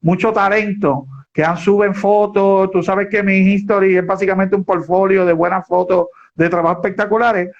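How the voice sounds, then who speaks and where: High-voiced man, slightly dull sound. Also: steady tone. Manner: reflective, halting, many restarts. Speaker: interview host. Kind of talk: casual interview chat.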